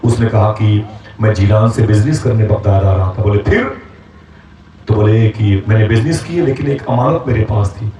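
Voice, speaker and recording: A man's voice: warm tone, a little hiss or hum. Male preacher, dramatic storyteller voicing characters, heavy hall echo, distant from the mic. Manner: dramatic storytelling, rising to impassioned pitch when voicing characters. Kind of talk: sermon storytelling. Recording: echoey hall, speaker far from mic.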